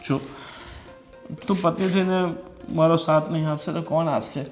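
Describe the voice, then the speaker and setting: A man's voice: on the high side, fairly even intonation, measured pace, faint music behind, lightly acted. An actor playing a deceitful husband who coaxes his wife and insists he has reformed, in a family film drama. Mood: insistent. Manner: persuasive, coaxing.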